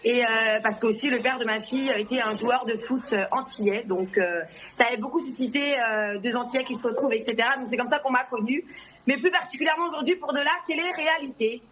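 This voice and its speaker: A woman in her twenties from Guadeloupe and Morocco talks as a guest. She sounds blunt and outspoken and does not soften her words. Her voice sits high. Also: quick pace, a little hiss or hum. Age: 20s. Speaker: reality TV personality, guest.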